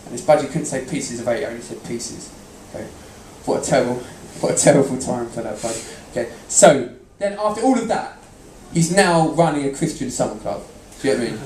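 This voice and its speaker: Chatty young stand-up comic, echoey room. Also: male voice, mid-range voice, expressive, a little fast, hardly any pauses, a little mellow, a little hiss or hum. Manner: chatty, bantering with the audience. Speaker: stand-up comedian. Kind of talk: live stand-up storytelling. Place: comedy venue in front of an audience. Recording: roomy live venue, distant mic.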